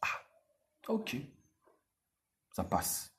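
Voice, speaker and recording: A man giving casual dating advice straight to the viewer, repeating himself and using street slang. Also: extremely slow. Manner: animated, repetitive, street slang, addresses viewer directly.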